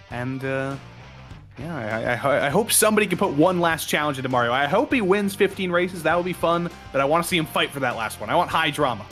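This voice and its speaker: A man's voice: fairly high pitch, fairly bright tone. A man giving live color commentary and analysis at a sim racing event, with eager, jokey asides.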